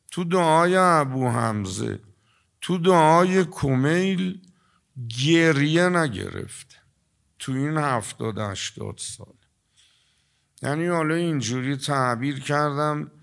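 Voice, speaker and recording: An older man giving a sermon to a gathering, telling stories and drawing some words out slowly before rushing through others. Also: medium pitch, gravelly, a bit bright. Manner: storytelling, shifting between slow, stretched emphasis and quick asides. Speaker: preacher. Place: religious gathering with an audience.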